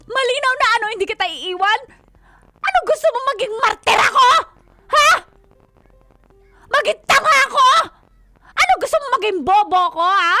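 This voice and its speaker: A woman's voice: high voice, lively intonation, a little slow, dry recording, soft background music. A woman playing a young girlfriend who expects a marriage proposal and is hurt by her boyfriend's confession, in a radio drama. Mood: furious. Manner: coaxing, then tearful, then shouting.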